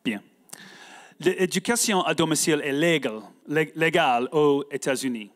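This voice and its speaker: American guy reading a speech in french, strong foreign accent, english native, bit high voice, halting. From United States. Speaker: guest speaker. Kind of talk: prepared speech read aloud.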